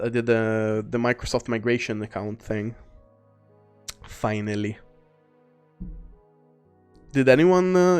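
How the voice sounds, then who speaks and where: A man's voice: mid-range voice, a little mellow, clean tone. A man casually commentating a game livestream, rambling and reading viewer chat aloud, with faint music behind him. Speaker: gaming streamer. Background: faint background music.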